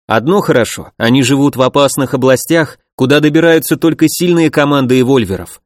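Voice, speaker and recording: A man narrating a first-person fantasy audiobook in a steady storytelling voice. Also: medium pitch, dry recording, clean studio sound.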